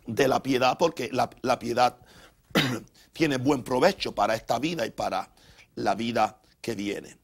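Male pastor, middle voice, conversational sermon with lots of restarts. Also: mid-range voice. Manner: conversational, with frequent stammered repeats and fillers. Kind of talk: teaching sermon.

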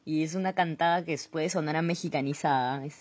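A woman's voice: low-pitched, fairly quick. A woman, a guest voice artist chatting casually on a podcast and explaining with examples.

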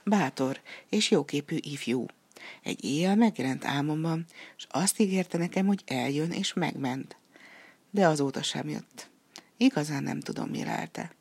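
Brief: woman reading a kind young princess, wistful and soft, husky tone. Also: deep voice, full character voice. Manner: gentle, sighing storybook voicing.

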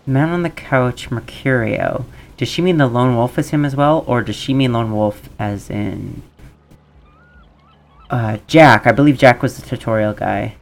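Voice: medium pitch, unhurried, gravelly. A game player giving casual, musing commentary and reading dialogue choices aloud.

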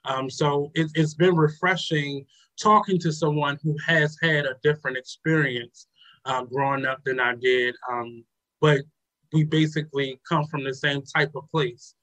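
A man hosting a talk radio show, speaking in a casual, reflective way with many pauses and fillers. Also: fairly high pitch, fairly even intonation, a bit bright, poor audio. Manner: hesitant, many ums and uhs.

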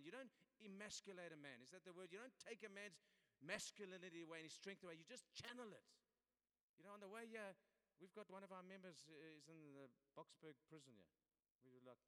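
A man's voice: sits high, pushed and bright. An older man with a South African accent, preaching a sermon to men in a chatty, storytelling way. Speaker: pastor. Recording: long hall reverb.

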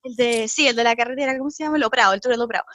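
A young woman with a Chilean accent, chatting casually with friends and telling animated stories full of laughter and acted-out quotes. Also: a little high, rapid-fire, dry recording. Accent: Chilean Spanish. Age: young adult. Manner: animated storyteller, laughs often, acts out quotes. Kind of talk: casual chat among friends.

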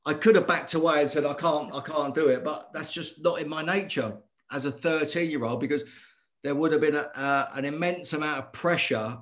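A middle-aged man, a former boxer telling his story as a guest in earnest, animated talk that circles back on itself. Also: a little high, a little fast. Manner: earnest, animated, repeats himself. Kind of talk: conversational storytelling.

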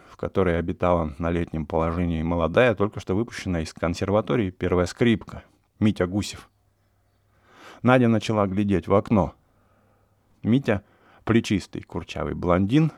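A man narrating a classic story in a measured storytelling manner. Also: deep voice, darkish tone, no room sound, studio quality. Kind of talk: audiobook narration of classic prose.

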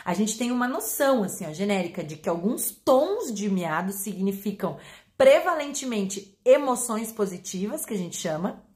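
A woman with a Brazilian Portuguese accent, a pet behavior educator explaining to her audience in an animated way, acting out examples. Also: medium pitch. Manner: animated, acts out examples with voice changes.

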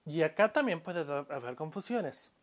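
A man with a somewhat high-pitched voice teaches a spoken language lesson. He explains patiently and drags out example sounds, often restarting mid-phrase as he talks to his listeners. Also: sing-song. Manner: explains slowly, stretching out example words, with frequent restarts; calls himself audio-lesson maker, addresses listeners.

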